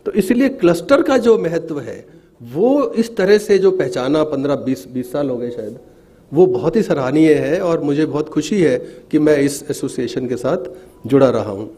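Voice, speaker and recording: A middle-aged man giving a formal speech at an award ceremony, pausing often with fillers. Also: a little high, expressive, mellow, husky. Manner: hesitant, many filler sounds, measured. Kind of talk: formal ceremony speech, Hindi mixed with English.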